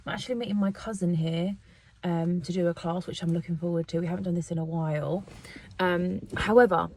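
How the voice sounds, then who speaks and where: A woman's voice: on the low side, fairly even intonation, brisk, darkish tone, slight background noise. A woman in her twenties chatting casually to camera for her vlog, rambling and correcting herself as she goes. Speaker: vlogger. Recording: dull lo-fi phone audio.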